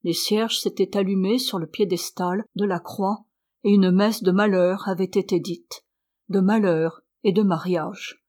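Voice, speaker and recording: A woman narrating a nineteenth-century novel as an audiobook reader, in a measured literary reading. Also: mid-range voice, fairly even intonation, darkish tone. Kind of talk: scripted narration.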